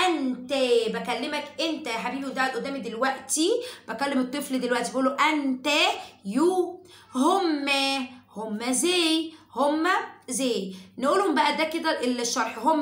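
A woman's voice: sits high, a bit bright, roomy sound. A woman with an Egyptian Arabic accent, an English teacher, explaining a lesson to parents in a chatty way and breaking into short chanted drills.

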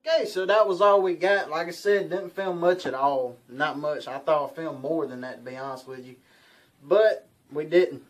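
A young man with a drawl chats loosely to his camera in a small bedroom, folksy and prone to repeating himself. His voice sits a touch high for a man, close to the camera mic. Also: normal speed, background noise. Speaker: outdoors channel host. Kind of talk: casual vlog talk to camera.

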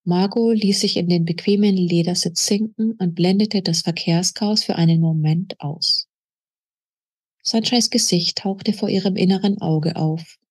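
A woman author reading aloud from her own novel in a steady, measured narrating manner. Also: lowish voice, breathy edge.

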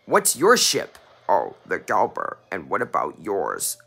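A young fan voicing a sinister, scheming dark twin of a masked knight who plots in a low, drawn-out way. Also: huge pitch swings, creaky, breathy edge, exaggerated voice.

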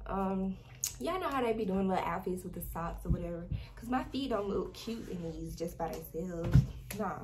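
A woman's voice: fairly low pitch, lively intonation, moderate pace, darkish tone. A young woman vlogger in casual, informal chat, talking straight to her viewers from a small bedroom, recorded on a camera at desk distance. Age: young adult. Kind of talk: casual haul vlog chat. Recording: noisy background hiss.

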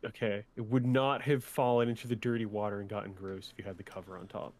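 A man on a voice call guiding a friend through a game, relaxed, teasing and amused. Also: on the low side, fast talker, noisy background. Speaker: co-host on call guiding the player. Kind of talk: casual gaming chat.

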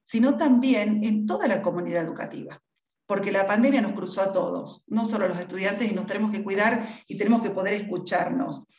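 A woman's voice: mid-range voice, darkish tone. Echoey, muffled woman giving a talk. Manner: builds lists with repeated phrases, tag questions. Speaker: education speaker. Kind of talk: reflective conference talk. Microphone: video call, wearing headphones. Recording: echoey, dull video-call audio.

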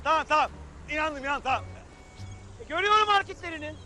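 A man putting on a squeaky, shrill voice for a sassy character who talks back, dismissive and mock-placating. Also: animated, fast talker. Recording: loud game music behind.

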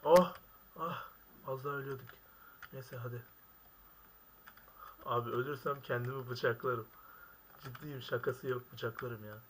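A young man commenting on his own gameplay, exasperated and complaining loudly at the game. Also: medium pitch. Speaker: gamer. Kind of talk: frustrated gaming commentary. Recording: keyboard clicks and noise behind. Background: keyboard typing.

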